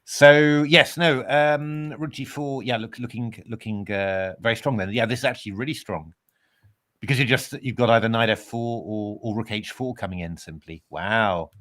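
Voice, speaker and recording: A man's voice: medium pitch, moderate pace, a bit bright. A man commentating live on a chess game in a casual way, hesitating with lots of fillers and restarts.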